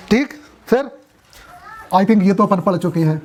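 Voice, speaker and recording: A man's voice: high voice, a little mellow, slight background noise. A man teaching a classroom lecture at a coaching class, chatty, joking and often asking students questions.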